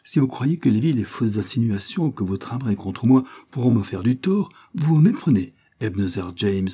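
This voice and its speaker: A man's voice: medium pitch, sing-song, normal speed, warm tone, slightly rough, pitched above the performer's own voice. A man reading an audiobook, voicing a proud, scheming young woman servant who speaks indignantly and defiantly.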